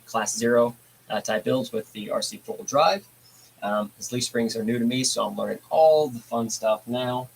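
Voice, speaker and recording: A man's voice: medium pitch, gravelly, a little hiss or hum, poor audio. A man hosting a casual hobby livestream, talking in a laid-back, rambling way with plenty of fillers. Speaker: livestream host.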